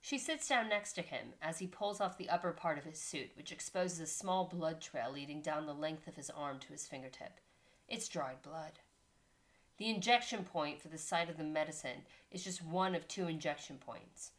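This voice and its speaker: A woman co-hosting a casual podcast reads a story aloud, breaking off to chat and laugh about it. Her voice is low and a bit bright, at normal speed.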